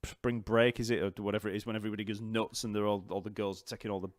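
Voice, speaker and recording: A man with a Yorkshire accent hosting a casual live-stream Q&A, chatty and rambling and quick to laugh. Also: fairly low pitch, little pitch movement, no echo, studio quality. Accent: Yorkshire English. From Yorkshire, England. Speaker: bass teacher and channel host. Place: home, near an island festival site.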